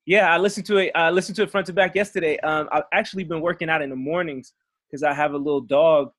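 A man's voice: on the high side, steady tone, quick pace, fairly bright tone, dry recording, studio quality. Easygoing man. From Belgium and Congo. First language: French. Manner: friendly, easygoing storytelling. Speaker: guest musician. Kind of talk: casual podcast chat.

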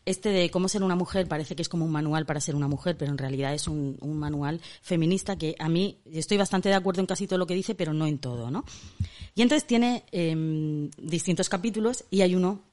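A woman with a Spain Spanish accent, chatting in a relaxed, humorous way as a podcast co-host. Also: deep voice, brisk. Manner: relaxed, humorous, laughs easily, reads aloud at times. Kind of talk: casual chat.

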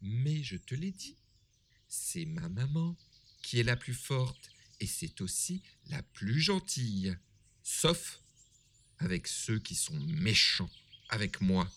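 Man doing a soft little dragon child. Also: medium pitch, big pitch swings, slow pace, slight background noise. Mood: innocent. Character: small innocent young dragon child.

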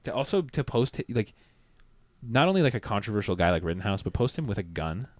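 A man's voice: on the low side, big pitch swings, fast, no room sound. Joking, swearing young man co-host. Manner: joking, laughs often, swears. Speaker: podcast co-host. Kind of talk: crude casual banter.

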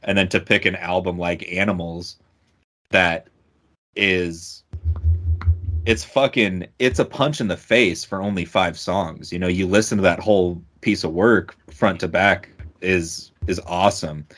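A young man co-hosting a music podcast, talking excitedly, swearing often and tripping over his words in casual chat. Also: low-pitched, unhurried. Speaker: podcast co-host.

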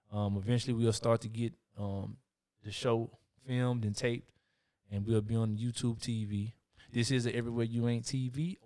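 Laid-back man co-hosting a podcast. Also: mid-range voice. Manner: laid-back, slangy, many fillers. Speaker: podcast co-host. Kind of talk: casual chat.

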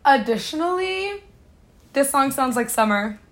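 A woman's voice: high-pitched, expressive, unhurried, a bit bright. A woman co-hosting a podcast in earnest casual chat, stating opinions firmly and agreeing emphatically. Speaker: podcast co-host.

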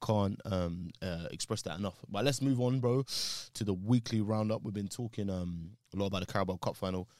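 A man hosting a casual football podcast, lively and slangy, quick to laugh. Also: lowish voice, no echo, clean studio sound. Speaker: podcast host.

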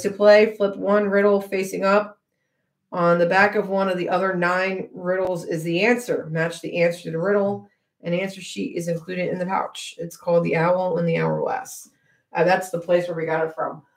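A woman's voice: lowish voice, moderate pace, roomy sound. A woman co-hosting a podcast in casual chat, teasing and laughing often. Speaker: podcast co-host.

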